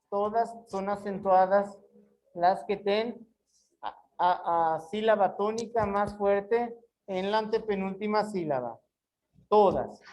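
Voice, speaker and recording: A woman with a medium-pitched, mellow voice teaches an online Spanish class, explaining patiently and stretching words out syllable by syllable. The recording is rough.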